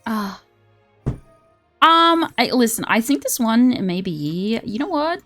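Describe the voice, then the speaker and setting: A young woman streaming a card game, chatting casually and excitably, swearing freely and sliding into a valley girl voice. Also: a little high, slow. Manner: excitable and profane, drifts into a put-on valley girl voice. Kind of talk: casual live-stream gaming chat. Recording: faint music behind.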